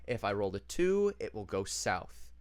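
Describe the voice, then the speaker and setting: A man's voice: lowish voice, sing-song, measured pace. A man running a tabletop role-playing game as game master, describing the action and laughing often. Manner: laughs often while narrating.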